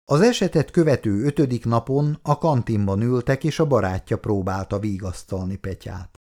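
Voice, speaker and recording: A man reading an audiobook novel aloud in a lively, expressive scripted narration. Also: medium pitch.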